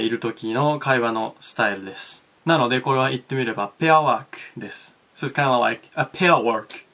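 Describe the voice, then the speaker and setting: A man's voice: mid-range voice, a bit bright. A man with an Osaka accent teaching a language lesson. He explains in Japanese, then says it again in English, and acts out dialect phrases by repeating them.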